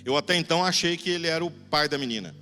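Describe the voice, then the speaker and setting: A man with a Goiás accent preaching in a church, telling a testimony in an animated, conversational way to the congregation. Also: fairly high pitch, racing. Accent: Goiás Brazilian Portuguese. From Goiás, Brazil. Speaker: guest preacher. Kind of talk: sermon testimony storytelling. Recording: church hall reverb, faint music.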